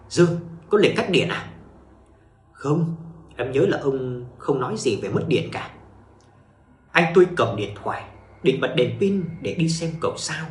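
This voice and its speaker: A man narrating a ghost story in a dramatic, animated storytelling manner, in an echoey room. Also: on the high side.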